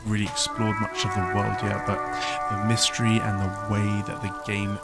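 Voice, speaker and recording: Man chatting casually over loud game music. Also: on the low side, moderate pace. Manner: relaxed, laughs often, thinks aloud. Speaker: gaming channel host.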